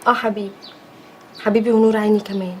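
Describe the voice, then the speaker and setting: An actress playing a lovestruck young bride who speaks softly and sweetly in an Egyptian accent. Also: female voice, mid-range voice, little pitch movement, very fast, slight background noise, natural voice. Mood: adoring.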